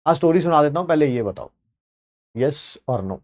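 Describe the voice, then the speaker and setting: A man's voice: on the high side, lively intonation, moderate pace, no echo, clean studio sound. A man with an Indian accent teaching an online chemistry class in a chatty way, talking straight to his students and mixing in English terms.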